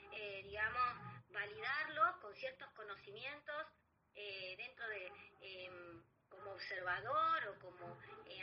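A woman with an Argentine accent, answering interview questions in a measured way, full of pauses and fillers. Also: medium pitch, muffled recording, a little hiss or hum. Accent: Argentine Spanish. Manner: hesitant, many fillers, measured explanation. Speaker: guest academic.

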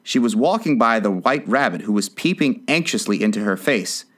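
A man reading a classic children's story aloud as narrator, in an expressive way. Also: lowish voice, normal speed. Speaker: audiobook narrator.

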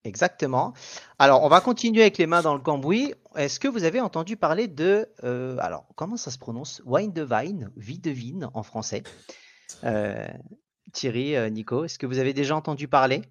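Homme un peu aigu, son étouffé et sec. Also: male voice, on the high side, expressive, fairly quick, a bit bright, no room sound, lo-fi sound. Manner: hesitant, many fillers and restarts. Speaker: podcast host. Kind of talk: casual tech podcast chat.

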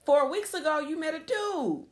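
A woman co-hosting a podcast in casual chat, animated and slangy, often repeating herself. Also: high voice, moderate pace. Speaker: podcast co-host.

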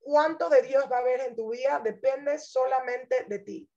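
A woman's voice: high voice, normal speed, a little mellow, highs cut off. A woman religious teacher telling her personal testimony in an inspirational talk, earnest and emphatic, speaking straight to her listeners.

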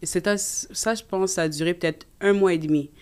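A woman, a guest in a casual interview, telling lively anecdotes. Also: fairly low pitch, moderate pace, clear, resonant tone. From Canada. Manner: animated, tells anecdotes.

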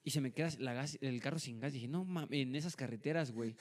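A man's voice: mid-range voice, a little fast, darkish tone. A young man with a Mexican accent telling stories in a slangy, profane way as co-host of a casual podcast. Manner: slangy and profane, ends phrases with "güey". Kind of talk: casual chat, storytelling.

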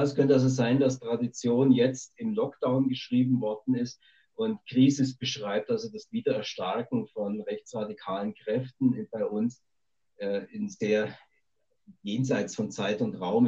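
Heard over a dull, lo-fi remote satellite call line, a male author gives a remote podcast interview. His voice is lowish and warm. He rambles thoughtfully, with plenty of hesitations.

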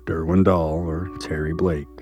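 A man with a very deep voice narrates a scripted horror story. His delivery is measured and ominous. Faint music plays underneath. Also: flat delivery, darkish tone.

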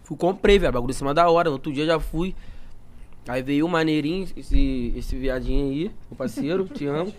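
A man telling a story in a casual podcast chat, animated and full of slang and swearing. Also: on the high side, brisk. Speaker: podcast guest.

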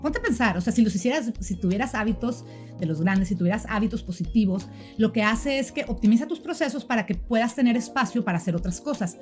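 A woman's voice: on the high side, expressive, fast, darkish tone, faint music behind. A woman, a life coach giving an emphatic motivational talk on a live stream, full of rhetorical questions.

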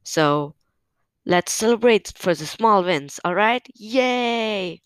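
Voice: medium pitch, expressive, takes it slowly, fairly bright tone, smooth, dry recording. A podcast host recording at home on a new microphone, talking casually and hesitantly with many fillers, a little nervous. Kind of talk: casual solo podcast update. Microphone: new podcast microphone on a stand.

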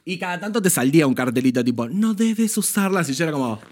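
A man's voice: medium pitch, expressive, racing. A man, a podcast guest in casual chat, camp and teasing, telling stories with animation.

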